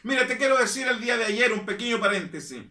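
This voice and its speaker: A pastor preaching in a high, bright, ringing voice, repeating his lines for emphasis. He sits back from the microphone in an echoey church hall. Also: lively intonation, fast, distant mic. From Chile. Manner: emphatic preaching, repeats phrases, calls listeners "hermano". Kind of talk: sermon. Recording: echoey room, voice from off-mic.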